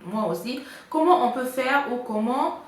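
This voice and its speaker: A woman's voice: high voice, lively intonation, a little slow. A woman giving couple advice in a casual vlog, chatty and full of hesitations. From Congo. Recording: echoey room, faint noise.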